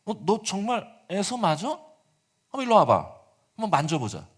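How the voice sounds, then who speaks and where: A man's voice: high-pitched, sing-song, moderate pace, slightly rough, voice pushed up, exaggerated voice. A man doing a suspicious old father questioning. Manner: doubting, probing questions.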